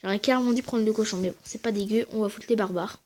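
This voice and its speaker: A woman giving casual, slangy commentary over her own gameplay, talking quietly and then shouting at big wins and losses. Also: mid-range voice, steady tone, quick pace. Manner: speaks quietly between outbursts. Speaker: gaming channel host.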